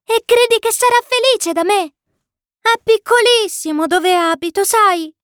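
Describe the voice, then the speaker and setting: A woman voicing a tiny, curious, cheerful alien boy prince in a storybook reading, with a high, excited, childlike manner. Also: a little slow, no echo, clean studio sound. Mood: eager childlike.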